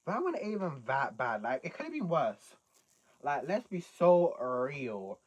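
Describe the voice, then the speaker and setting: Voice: medium pitch, big pitch swings, measured pace. A young British adult chatting casually as a video host, reacting to confessions with slangy, incredulous rhetorical questions.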